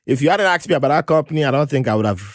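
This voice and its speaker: Lively, animated man host. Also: on the high side, very fast, no room sound, studio quality. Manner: animated storyteller, laughs often, acts out quoted voices. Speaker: podcast host. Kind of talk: casual interview chat.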